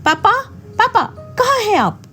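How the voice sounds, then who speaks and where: A woman voicing a proud, stubborn young wife with a sharp, indignant way of speaking, telling a storybook tale. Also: on the high side, big pitch swings, normal speed, soft background music. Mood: angry.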